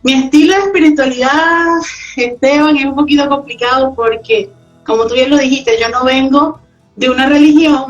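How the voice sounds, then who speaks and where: High-voiced Venezuelan woman, lo-fi. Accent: Venezuelan Spanish. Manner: reflective, often adds tag questions. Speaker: guest. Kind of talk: casual interview chat.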